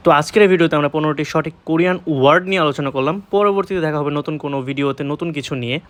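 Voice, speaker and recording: A man's voice: fairly high pitch, racing, fairly bright tone. A young man from Bangladesh teaching a vocabulary lesson, repeating each word and answering his own questions. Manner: repetitive drill, asks and answers own questions. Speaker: language teacher.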